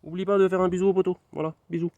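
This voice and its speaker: A man's voice: high-pitched, level tone, racing, darkish tone, no echo, dull audio. A young man vlogging outdoors in his garden, rambling playfully and talking straight to the viewer. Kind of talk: casual outdoor vlog chat.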